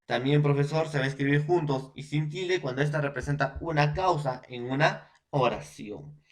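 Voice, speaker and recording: A man's voice: fairly high pitch, moderate pace. Man with a Peruvian accent, teaching. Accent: Peruvian Spanish. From Peru. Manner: repetitive, often checks in with "¿no?" and "entonces"; addresses students directly as "jóvenes". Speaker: language teacher. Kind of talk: recorded classroom lesson.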